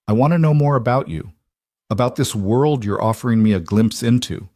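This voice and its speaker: A man voicing a young woman who calmly sets her terms in a storybook. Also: medium pitch, moderate pace, dry recording, clean studio sound, lightly acted. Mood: earnest. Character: young woman standing up for herself.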